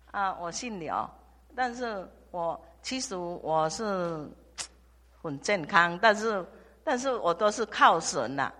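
An older woman from Taiwan, giving a halting church testimony full of restarts and repetitions. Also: on the low side, a bit bright. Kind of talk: personal testimony. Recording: long hall reverb.

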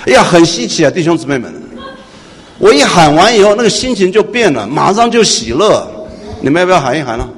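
A man's voice: on the high side, brisk, breathy edge. Man preaching in an echoey hall. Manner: animated preaching that moves from hushed to loud and questions the congregation. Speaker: pastor. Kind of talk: sermon. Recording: echoey hall with faint noise.

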